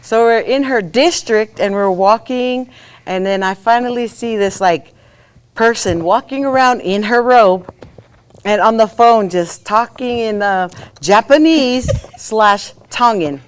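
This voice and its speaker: A woman co-hosting a podcast, telling a family story in a rambling, animated way with lots of fillers. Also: on the high side, measured pace, clear, resonant tone. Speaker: podcast co-host. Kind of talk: casual storytelling chat.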